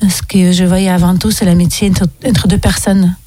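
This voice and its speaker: A woman's voice: lowish voice, little pitch movement, moderate pace, warm tone, dry recording. A young woman from Russia, a film director, answering radio interview questions with many hesitant ums.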